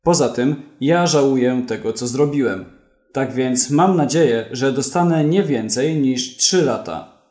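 A mocking, self-satisfied crook, once a polished bank manager, read by a man. The lines come slowly and deliberately. They sit in a roomy, echoing space. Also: mid-range voice, darkish tone, lightly acted. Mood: smug. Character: smug male ex-bank manager turned crook. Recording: roomy echo.

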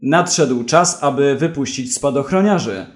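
A man's voice: mid-range voice, expressive, a little slow, close to an everyday voice. A man doing a treacherous commander. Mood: commanding. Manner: bossy, barked orders.

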